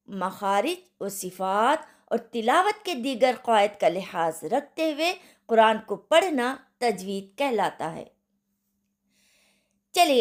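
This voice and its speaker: A woman teaching Quran recitation in an online lesson, patiently repeating each syllable for practice. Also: a little high. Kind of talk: slow online tajweed lesson.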